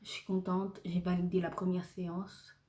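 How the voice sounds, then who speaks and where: At home, a young woman vlogs casually to the camera, laughing a lot and swearing a bit. Her voice is fairly low, dark, and monotone, delivered at a moderate pace in a roomy, echoey space.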